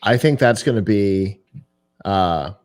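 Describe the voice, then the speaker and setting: A man's voice: lowish voice, expressive, slow, a little mellow. A man co-hosting a casual tech podcast, explaining products in a wry, joking way. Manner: wry, explanatory, chuckles at his own jokes. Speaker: podcast co-host.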